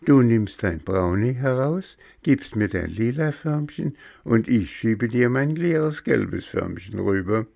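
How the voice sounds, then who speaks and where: Storybook read-aloud: a timid, lovestruck girl helper, pitched high, as a man reads her. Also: expressive, slow pace, gravelly, hardly any pauses, dark tone, no echo, studio quality, exaggerated voice. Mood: coaxing. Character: shy lovestruck young female helper.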